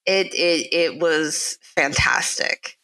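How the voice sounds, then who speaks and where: A woman co-hosting a podcast in casual chat, speaking haltingly with many restarts. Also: sits low, bright, forceful tone. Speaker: podcast co-host.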